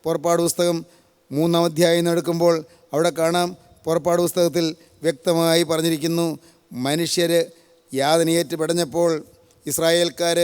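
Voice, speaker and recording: Solemn older preacher in echoing hall. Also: male voice, on the high side, clear, resonant tone. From Kerala, India. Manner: solemn, repetitive, builds lists of parallel phrases. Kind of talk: sermon. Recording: long hall reverb.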